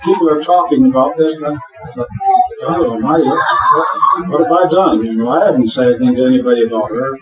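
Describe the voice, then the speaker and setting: An older man with a slightly high voice tells stories casually among friends in a folksy, repetitive way. He is caught on a hidden recorder, distant and echoey, with loud chatter around him. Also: a little fast, lo-fi sound. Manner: folksy, repeats himself, salty exclamations. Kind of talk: casual chat, telling anecdotes. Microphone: concealed, away from the mouth.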